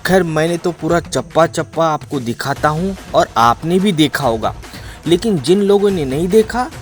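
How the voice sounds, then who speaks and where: A man tells the story of a dangerous trek in a dramatic voice-over, repeating key points for emphasis. His voice sits a little high for a man. Soft music plays under the narration. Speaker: travel vlogger narrating.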